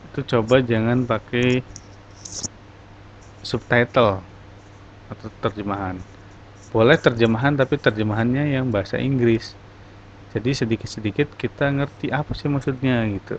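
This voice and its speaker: A man's voice: medium pitch, steady tone, moderate pace, pauses often. A man teaching a class, encouraging his students and explaining step by step. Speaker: English teacher. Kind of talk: online class talk. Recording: dull lo-fi recording, faint noise.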